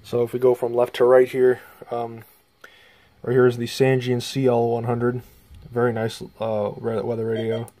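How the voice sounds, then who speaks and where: Here a man's medium-pitched voice comes across completely flat, mellow and at normal speed. He's an amateur video presenter doing a rambling show-and-tell vlog indoors in a small bedroom, recorded with a handheld phone.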